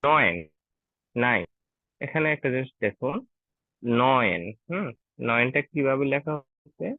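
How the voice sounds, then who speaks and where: A man with a mid-range voice and moderate pace runs an online German lesson for Bengali speakers. He is patient, regularly checks understanding with "ঠিক আছে?", and the call audio comes across tinny and dry.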